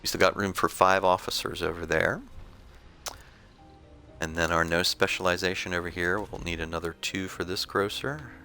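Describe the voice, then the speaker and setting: Male gameplay commentator, deep gravelly voice, calm explainer, faint music under. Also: moderate pace. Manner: relaxed, explanatory, thinking aloud.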